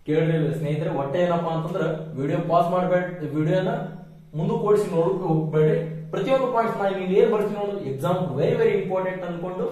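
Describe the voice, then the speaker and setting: A man's voice: a little high, a little mellow. A man teaching an exam-coaching lecture, stressing and repeating key terms and asking rhetorical questions. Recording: very echoey room, mic at a distance.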